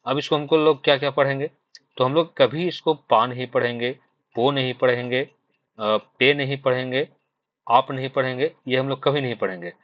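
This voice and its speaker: A man from Jharkhand teaches shorthand in an exam-prep class, speaking at an everyday pitch. He explains patiently, circling back over each point and checking in with the students. The voice is close and dry, with a slightly dull, muffled tone. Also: fairly even intonation, moderate pace, dry recording. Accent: Hindi speaker from Jharkhand. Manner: patient, repetitive explaining with frequent fillers and "thik hai" checks. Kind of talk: online exam-prep lesson.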